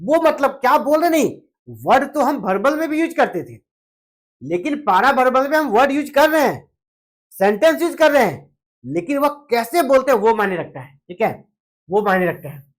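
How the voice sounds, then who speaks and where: A woman's voice: sits high, big pitch swings, normal speed. A woman teaching an exam coaching lecture, explaining step by step, often checking in with fillers and acting out short example phrases.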